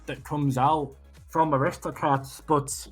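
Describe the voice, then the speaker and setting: A man with a slightly husky voice calls a live esports match with loud, breathless excitement and the odd curse. Faint music sits quietly underneath his commentary. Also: fairly high pitch, slow. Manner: excitable, swears, breathless after a close game. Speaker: esports caster.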